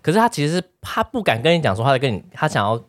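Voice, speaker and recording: Animated Taiwanese woman, dry close sound. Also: deep voice, rapid-fire, dry recording. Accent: Taiwanese Mandarin. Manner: animated, acts out others' voices. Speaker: podcast co-host. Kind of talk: casual chat.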